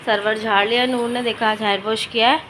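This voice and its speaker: A young woman vlogger and housewife chatting casually and quickly while narrating her home routine. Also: fairly high pitch, level tone, fairly bright tone, slight background noise. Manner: chatty, fast-talking.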